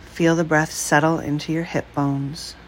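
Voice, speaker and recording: A woman leading a guided breath meditation, speaking slowly, calmly and softly. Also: sits low, slight background noise, rough recording. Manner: slow, calm, soft-spoken.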